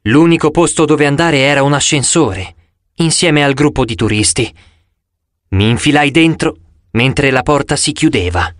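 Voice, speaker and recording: A man narrating a first-person audiobook in an expressive storytelling manner, recorded close in a studio. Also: medium pitch, normal speed, no echo.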